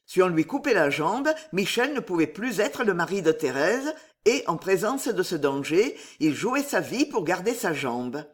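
A woman reading a novel aloud in an expressive, animated way. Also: lowish voice, moderate pace. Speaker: audiobook reader. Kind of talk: scripted narration of a novel.

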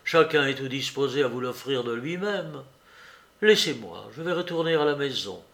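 A man reading aloud, voicing a proud, hot-tempered young woman who speaks in a sharp, raised, reproachful voice. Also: medium pitch, expressive, moderate pace, gravelly. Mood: exasperated. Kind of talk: audiobook character reading.

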